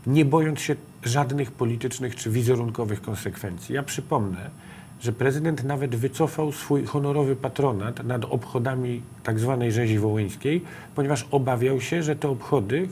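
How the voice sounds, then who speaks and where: Middle-aged male politician guest, mid-pitched, emphatic and earnest, faint studio hum. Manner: emphatic, rising to forceful conviction. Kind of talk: political interview.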